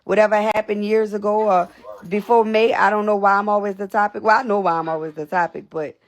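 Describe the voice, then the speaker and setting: Blunt, breathless woman with vocal fry. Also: medium pitch, steady tone, brisk. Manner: blunt, repetitive, profane. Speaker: livestream host. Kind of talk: casual livestream talk to viewers.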